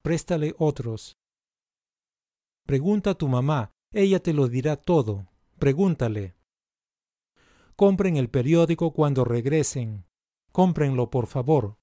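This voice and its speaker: A man reading short example sentences aloud for language learners, in a slow, deliberate, carefully enunciated way. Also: medium pitch, mellow, no room sound, clean studio sound. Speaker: language teacher.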